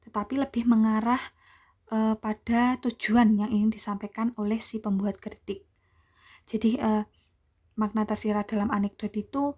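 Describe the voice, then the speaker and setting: A young adult woman teacher giving an online class lecture, explaining terms step by step with many pauses and hesitations. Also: mid-range voice, warm tone, husky.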